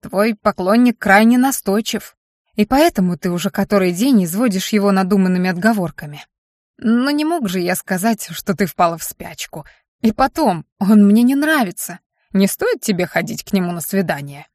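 A woman's voice: mid-range voice, expressive, moderate pace, darkish tone, no echo, studio quality, natural voice. A woman voicing a fussy, guilty little male imp servant who pleads and whimpers. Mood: earnest. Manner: whiny, pleading.

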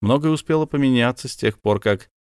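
A man narrating a literary story as an audiobook reader, in a measured storytelling delivery. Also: medium pitch, darkish tone, clean tone, dry recording, clean studio sound.

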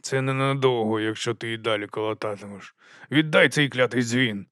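A man's voice: medium pitch, moderate pace, dry recording, studio quality, lightly acted. A man doing a wheezy, grumbling watch corporal. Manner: mumbling, grumbling, hushed. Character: scruffy, wheezing, shifty older night-watch corporal.

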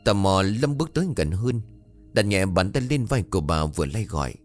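A man's voice: low-pitched, expressive, fairly quick. A man narrating a ghost story and voicing its characters in the dialogue. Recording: faint music behind.

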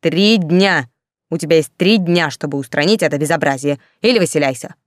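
A woman's voice: on the low side, a little fast, dry recording, natural voice. A woman voicing a furious stout middle-aged female dormitory warden who bellows and scolds, in a dry recording. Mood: threatening. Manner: bellowing, scolding, repeating accusations.

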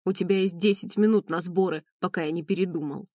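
A gruff bearded man who talks in clipped, terse orders. His voice sits lower than the reader's own, mellow and close, in a dry audiobook read by a woman. He never wastes a word. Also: fairly even intonation, fast talker, dry recording, close to an everyday voice. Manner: curt, terse commands.

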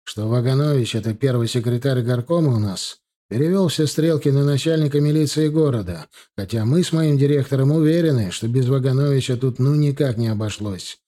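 A man's voice: mid-range voice, brisk, dark tone, pitched above the performer's own voice, close to an everyday voice. A man reading a troubled proud stepfather. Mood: bitter. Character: middle-aged Chechen man, grateful stepfather, proud.

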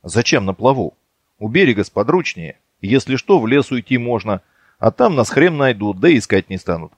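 A man's voice: mid-range voice, sing-song, normal speed, no room sound. A man voicing a stubborn, wounded male warrior who grumbles and argues. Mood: grumbling. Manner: grumbling, argumentative.

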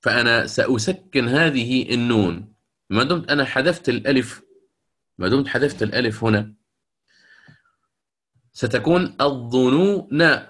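A middle-aged man teaches the rules of Quran recitation to a class. He explains each point patiently and stops now and then to put questions to his students. When he reaches a verse, he slows down and recites it carefully. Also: mid-range voice, animated, a bit bright.

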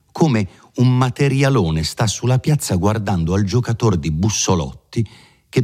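Lowish-voiced male audiobook narrator. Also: a little mellow, slightly rough. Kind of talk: literary audiobook reading.

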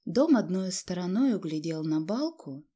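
Husky dark-voiced woman narrating. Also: lowish voice, lively intonation. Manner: measured storytelling. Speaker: audiobook narrator. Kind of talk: scripted narration.

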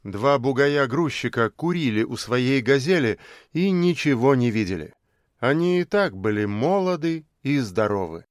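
A man's voice: medium pitch, smooth, no room sound. Man reading an audiobook, dry sound. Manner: steady measured storytelling. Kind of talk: audiobook narration.

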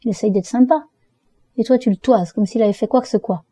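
A woman's voice: a little high, fairly quick, mellow, breathy edge, no echo. A woman reading the lines of a hurt, worried younger sister in an audiobook, pleading and reproachful.

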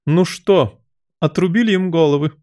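A man reading a storybook aloud, voicing a furious, tyrannical queen who screams orders in a shrill voice. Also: animated, moderate pace, a little mellow, clear, resonant tone, close to an everyday voice. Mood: furious commanding.

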